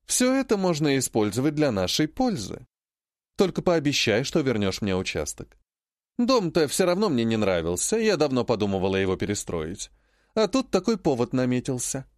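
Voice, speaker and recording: A man's voice: medium pitch, huge pitch swings, normal speed, no room sound, clean studio sound. A man reading an audiobook, voicing a shrewd, indignant old woman, a great-grandmother and healer who laments dramatically. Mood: scheming.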